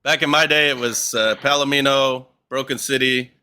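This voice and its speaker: Canadian-born guy hosting a podcast, jokey and chatty, really bright sharp voice, middle pitch. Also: steady tone, clean tone. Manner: jokey, chatty, quick asides. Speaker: podcast host. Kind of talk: casual interview chat.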